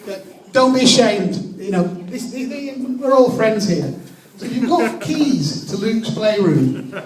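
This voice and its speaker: A man giving a jokey, informal best man's wedding toast, speaking haltingly with many false starts. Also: high voice, big pitch swings. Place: echoey room at a wedding gathering. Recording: distant mic in echoey room, audience noise. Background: crowd of guests reacting and laughing.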